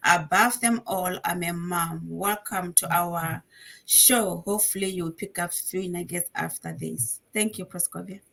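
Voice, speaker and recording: A woman's voice: on the low side, steady tone, a little slow, vocal fry, a bit bright. A woman from Botswana co-hosting a live online talk show, gracious and polite. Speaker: co-host and mentor.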